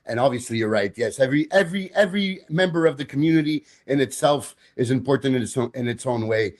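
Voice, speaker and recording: A man's voice: mid-range voice, fast talker, a little mellow. A man hosting a podcast interview in a casual way, often repeating words as he asks questions. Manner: stammering repeats, laughs along. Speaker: podcast host.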